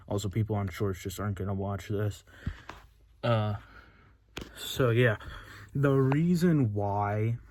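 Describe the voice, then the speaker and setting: A man's voice: fairly low pitch, darkish tone. A teenage male vlogger chatting casually and unscripted inside a closet, hesitant and often losing his thread. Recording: noisy amateur closet recording with clicks.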